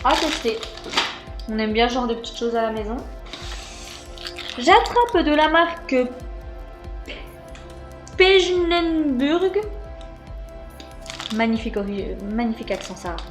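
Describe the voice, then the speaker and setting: A woman in her thirties talks through a snack box on her channel in a high, bright-sounding register. She is chatty and a bit hesitant, with plenty of fillers. Faint music plays underneath. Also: animated, normal speed. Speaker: unboxing vlogger. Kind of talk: casual unboxing chat.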